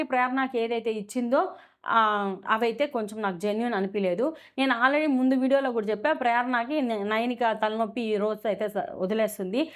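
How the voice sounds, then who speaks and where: A woman giving a casual, opinionated review of a reality show, full of fillers and rhetorical questions. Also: fairly high pitch.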